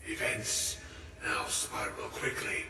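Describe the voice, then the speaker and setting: A man voicing an ominous ancient male seer spirit in a slow, cryptic, breathy whisper, as whispered role-play. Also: bright, forceful tone, slight background noise. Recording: game audio under music.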